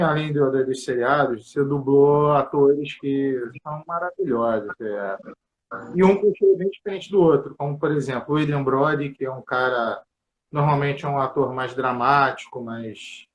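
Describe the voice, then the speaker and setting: A man's voice: mid-range voice, unhurried, a little hiss or hum, poor audio. A man with a Brazilian Portuguese accent interviewing a guest in a casual, chatty and enthusiastic way.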